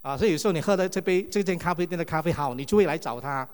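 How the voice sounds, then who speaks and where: A man's voice: a little high, very fast. A male pastor, preaching a sermon and asking the congregation question after question. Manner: lively, asks the congregation many rhetorical questions. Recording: long reverb of a hall.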